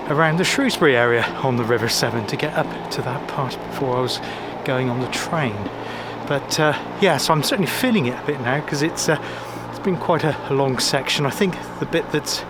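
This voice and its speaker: A man from Gloucestershire with a local accent, chatting casually as he walks by a river and road, rambling with small restarts. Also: medium pitch. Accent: Gloucestershire English. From Gloucestershire, England. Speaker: walking vlogger. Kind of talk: casual walking commentary. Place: outdoors by a river and busy road. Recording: faint outdoor road noise. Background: faint road and weir noise.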